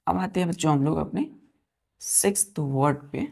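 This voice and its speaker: A woman with an Indian accent teaches English vocabulary in class, spelling each word out letter by letter and repeating her questions to the students. Her voice sits low and is gravelly, darkish, and slightly rough, at a moderate pace.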